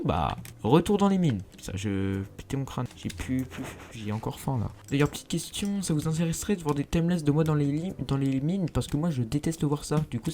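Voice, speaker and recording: Playing a survival game, a talkative young man jokes at his own expense while chatting with his audience in casual let's play style. He's a gaming YouTuber with a dark-toned, mid-range voice.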